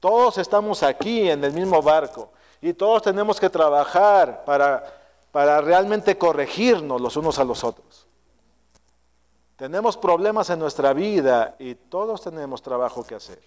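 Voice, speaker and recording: A male pastor preaching an earnest, self-searching sermon, his voice often trailing low and soft at the ends of phrases. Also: animated, moderate pace. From Mexico. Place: church sanctuary. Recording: long hall reverb.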